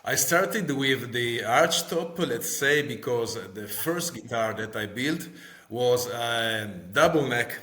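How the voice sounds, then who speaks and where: Halting Italian-accented man, bright voice. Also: mid-range voice, lively intonation. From Italy. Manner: halting, searching for words with repeated words. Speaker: guest, guitar maker. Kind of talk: interview answers, casual explanation.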